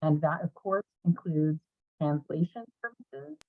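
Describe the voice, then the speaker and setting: A woman with a low voice speaks earnestly through a computer microphone on a video call. Her audio cuts in and out, so the volume swells and fades unevenly. The sound is dull, dry and lo-fi. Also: expressive, measured pace, creaky, no room sound. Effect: audio cutting in and out, uneven volume. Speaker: parent group fundraising volunteer. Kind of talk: speaking at an online membership meeting.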